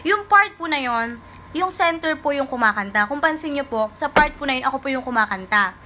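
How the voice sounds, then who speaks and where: A woman's voice: high voice, animated, a little fast, sharp tone, a little hiss or hum, rough recording. A young woman from the Philippines chatting politely on a livestream, answering fans and reading out their comments. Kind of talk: casual livestream chat.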